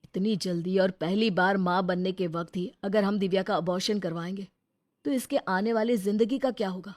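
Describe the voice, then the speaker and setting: Here a woman voices the calm, protective, level-headed young adult elder brother of a Hindi storybook drama. Her delivery is firm, earnest and largely low-key; her natural voice moves at normal speed with a slightly mellow quality, and the recording is dry.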